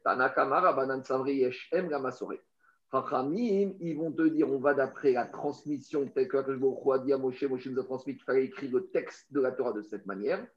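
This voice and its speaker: A man's voice: mid-range voice, a bit bright. A man teaching a Talmud study lesson, explaining step by step and speaking straight to the listener, often repeating words as he finds his phrasing. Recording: roomy, dull lo-fi sound.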